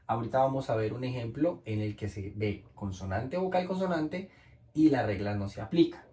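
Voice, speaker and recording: A man's voice: mid-range voice, lively intonation, normal speed, dark tone, roomy sound. A man teaching English grammar in Spanish, explaining rules patiently and checking in with the class.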